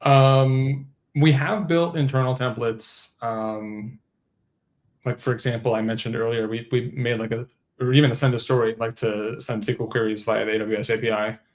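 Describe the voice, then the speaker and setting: A man with a medium-pitched voice speaks at normal speed in a steady tone. He's an engineer appearing as a webinar guest, answering interview questions in informal, conversational tech talk, explaining as though thinking aloud.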